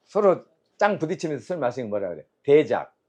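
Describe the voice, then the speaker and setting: Animated man drilling tones in a lesson. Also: medium pitch, a little fast. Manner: quizzing questions, drills tones aloud. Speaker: Chinese character teacher. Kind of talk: classroom lecture with call-and-response.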